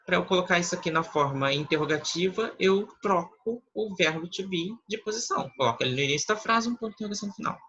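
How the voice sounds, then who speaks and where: A man with a Brazilian Portuguese accent, explaining English grammar in a slow, patient lesson and checking often that students follow. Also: high voice, animated, bright, forceful tone, muffled recording, a little hiss or hum. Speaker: English teacher. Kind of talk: online class explanation.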